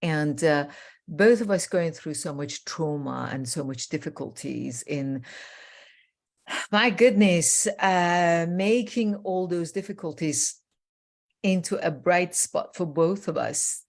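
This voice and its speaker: An older woman originally from Iran hosting an interview as a coach, talking warmly and effusively, rambling with many fillers. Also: lowish voice, animated, slow pace. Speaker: host, transformational coach. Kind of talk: casual interview chat.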